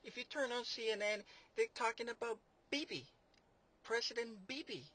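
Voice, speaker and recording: A man's voice: very high voice, normal speed, bright, forceful tone. A man delivering a sarcastic political monologue, rambling and mocking, with many fillers and restarts. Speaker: commentator.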